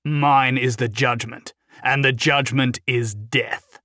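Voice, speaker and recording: Casting: man doing a grim sin-eating caster, measured and unhurried. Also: medium pitch, steady tone, pushed and bright, no room sound, studio quality. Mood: ominous.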